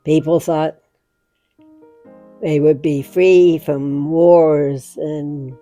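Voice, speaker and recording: A very old American woman, about a hundred, reminiscing off the cuff in halting short phrases. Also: low-pitched, fairly even intonation, warm tone, soft background music. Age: very old, about 100. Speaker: interviewee recalling wartime memories. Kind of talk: unscripted reminiscence.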